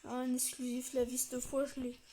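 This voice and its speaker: A woman's voice: high voice, monotone, normal speed, dark tone, low-quality recording. A woman doing casual live gameplay commentary as a raging gamer, complaining in frustration and cursing at the game. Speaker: gaming video creator. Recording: music behind the voice. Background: music.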